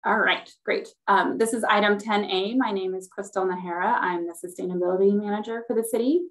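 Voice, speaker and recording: A woman's voice: mid-range voice, brisk, rough recording. Woman presenting slides on a video call. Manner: steady, explanatory, walks through slides. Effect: heard over a group video call. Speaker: city sustainability manager. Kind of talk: staff presentation in a public meeting.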